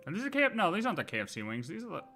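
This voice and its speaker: A game streamer gives casual, rambling livestream gameplay commentary, frequently asking himself questions and answering them, with game music playing behind his voice. His voice sits high, swings hugely in pitch, and comes out rapid-fire, pushed and bright.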